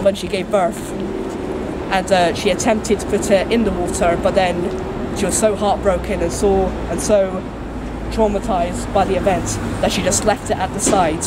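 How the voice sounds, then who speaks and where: Tour guide storytelling over heavy street noise. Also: mid-range voice. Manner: chatty, wry humour, mild swearing. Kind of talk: informal spoken storytelling to a tour group. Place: outdoors on a city street, cars behind. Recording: very noisy outdoor street recording with traffic.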